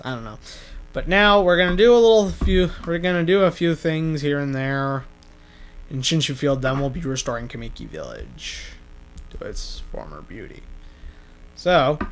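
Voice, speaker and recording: A man's voice: medium pitch, fairly bright tone, a little hiss or hum. A man giving casual gameplay commentary as a let's-play host, rambling and correcting himself as he goes. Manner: rambling, self-correcting, laughs at own slips.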